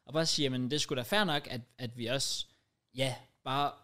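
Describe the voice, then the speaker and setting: A man's voice: mid-range voice, pushed and bright. A young adult man with a Danish accent chatting casually, swearing and mixing English slang into his talk. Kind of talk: casual chat.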